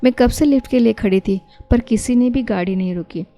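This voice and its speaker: A woman voicing a polite, curious young working woman stranded on a night road, in a mellow tone. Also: on the high side, brisk, soft background music, lightly acted. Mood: friendly.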